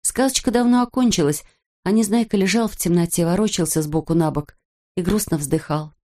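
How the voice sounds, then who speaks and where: A woman with a fairly low voice reads a children's story aloud. Her narration is expressive and measured.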